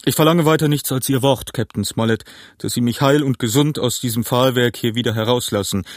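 A man voicing a jovial, cunning one-legged pirate leader, talking in a smooth, mock-polite way in an audiobook. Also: mid-range voice, steady tone, brisk, no echo, studio quality, lightly acted. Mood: wheedling. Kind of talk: audiobook character voice.

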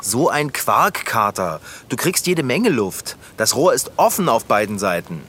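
A performer playing a patient, practical cat owner in a children's radio play, calmly coaxing and reasoning. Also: mid-range voice, unhurried, breathy edge, exaggerated voice.

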